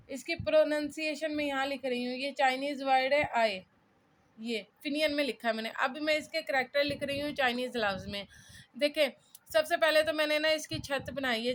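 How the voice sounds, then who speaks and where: A woman talking through her study notes in a chatty, casual way at home, with many pauses and fillers while she writes. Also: high-pitched, fairly bright tone. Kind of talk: casual explanation while writing. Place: home room.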